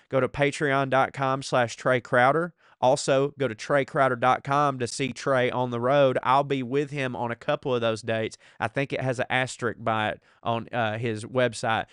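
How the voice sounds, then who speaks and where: A man's voice: mid-range voice, a bit bright, clear, resonant tone, dry recording, clean studio sound. A man with a blocked, congested nose and short breath, hosting a podcast in a casual, profane, bantering way. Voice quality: congested, stuffed-nose sound from allergies. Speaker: podcast host. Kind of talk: casual comedic podcast talk, reading listener mail aloud.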